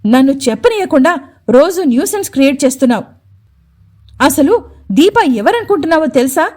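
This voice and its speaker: A woman voicing a sharp-tongued, tearful young woman, angry and sarcastic by turns. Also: sits high, sing-song, a little fast. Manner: angry, sarcastic, then pleading.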